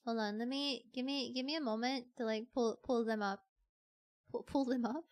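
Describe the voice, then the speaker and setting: A woman's voice: a little high, steady tone, normal speed. A woman with a Filipino accent chatting casually on a livestream, often repeating phrases for emphasis. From Philippines. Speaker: VTuber streamer.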